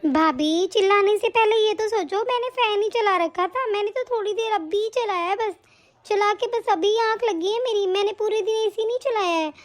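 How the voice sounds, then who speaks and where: A woman voicing a young new mother in an animated story, pleading and defending herself. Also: very high voice, normal speed. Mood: defensive.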